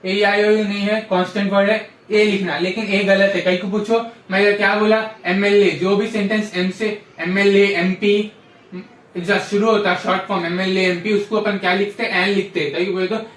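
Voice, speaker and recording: A man's voice: high voice, little pitch movement, normal speed, a bit bright. A man teaching a grammar lesson, repeating rules and checking often that students understand. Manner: repetitive, drills rules with frequent "samjhe?" check-ins. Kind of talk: classroom-style grammar lesson. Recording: echoey room, voice from a distance.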